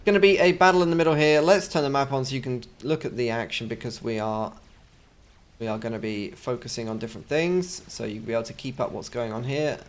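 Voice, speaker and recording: A man's voice: mid-range voice, fast talker. An English man casting a strategy video game in a chatty way, with joking asides between the play-by-play. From England. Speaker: game caster.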